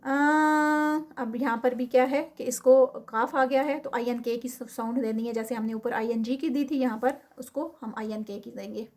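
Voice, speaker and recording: A woman with a high voice teaches recitation rules in a patient, step-by-step way. She stops often to chant sample words slowly and stretched out, then goes back to explaining. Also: steady tone, a little mellow.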